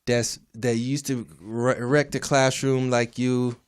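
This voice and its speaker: Slow-talking male podcast host. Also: medium pitch, flat delivery, smooth. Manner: slow, laughing, profane. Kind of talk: casual podcast chat.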